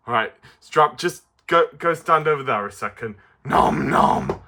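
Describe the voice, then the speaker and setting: This man's voice sits on the high side as he reviews a toy to camera. He's excitable and playful like a children's TV host, though his speech often stalls with hesitation.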